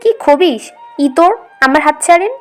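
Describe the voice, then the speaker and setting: A woman voicing a sulky, sharp-tongued young wife in a romantic audio story. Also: high voice, a little slow, soft background music. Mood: teasing. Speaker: voice actor.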